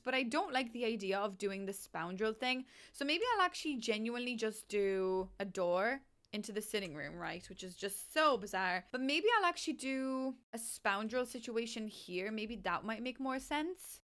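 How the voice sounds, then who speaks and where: A woman's voice: fairly high pitch, a bit bright. Chatty exasperated woman. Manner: chatty, self-deprecating, exasperated asides. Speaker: gaming video creator. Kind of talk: casual gameplay commentary.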